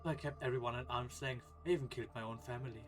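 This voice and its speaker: A man voicing a calm, solemn young man who has blinded himself, reading game dialogue aloud in a quiet, measured way. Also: medium pitch, over music, close to an everyday voice. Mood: somber. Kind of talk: let's play dialogue reading.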